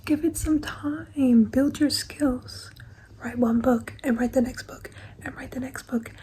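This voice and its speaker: A woman's voice: high voice, fairly even intonation, a little slow, warm tone, a little hiss or hum, low-quality recording. A young woman chatting frankly in a casual vlog, often dropping into a half-whisper. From Australia. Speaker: vlogger.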